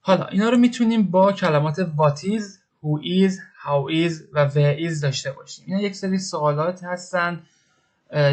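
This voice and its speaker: Patient male English teacher explaining grammar. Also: fairly high pitch. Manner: patient, repeats and translates each example slowly.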